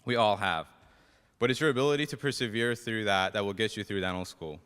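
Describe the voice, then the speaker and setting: A man's voice: fairly low pitch, brisk, fairly bright tone, smooth. A young man with a Persian accent giving a prepared ceremony speech as a student class president, self-deprecating and a little nervous. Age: young adult. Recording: reverberant hall, PA-like echo.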